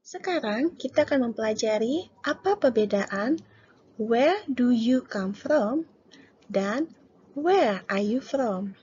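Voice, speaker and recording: A woman narrating a language lesson as an English teacher, speaking in a clear, instructive way. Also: a little high, animated, takes it slowly, darkish tone, a little hiss or hum. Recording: dull lo-fi sound.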